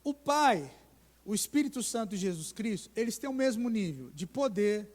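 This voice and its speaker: A middle-aged male pastor with a high-pitched voice preaches at a moderate pace, telling stories animatedly with acted voices and putting questions to the congregation. He's in a church sanctuary, and the recording carries a long church-hall reverb.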